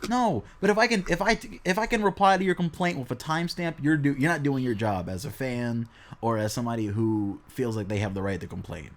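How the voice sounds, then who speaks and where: A young man hosting a casual podcast, talking fast and animated with plenty of swearing and banter. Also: medium pitch. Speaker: podcast host.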